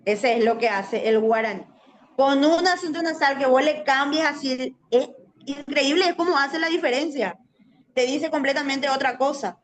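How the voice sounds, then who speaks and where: High-voiced Paraguayan woman teacher. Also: moderate pace, a little hiss or hum. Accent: Paraguayan Spanish. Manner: explanatory, often adds "¿verdad?". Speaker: guest, Guaraní language teacher. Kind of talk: radio interview answers.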